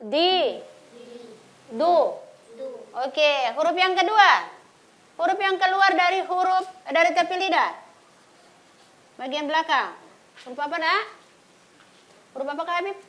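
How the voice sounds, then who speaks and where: A woman teaching Quran letter pronunciation, slowly repeating example sounds. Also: very high voice, sharp tone. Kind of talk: televised religious lesson.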